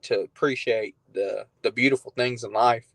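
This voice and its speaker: A man of thirty telling stories as a podcast guest in a loose, relaxed, conversational way. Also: mid-range voice, moderate pace, no echo, poor audio. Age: 30s. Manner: laid-back storytelling, loose and conversational. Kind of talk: casual chat.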